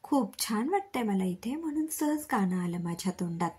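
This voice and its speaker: A woman voicing a cheerful, teasing young female college student in a storybook reading, with a breathy voice. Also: medium pitch, big pitch swings, moderate pace, a little mellow. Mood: playful.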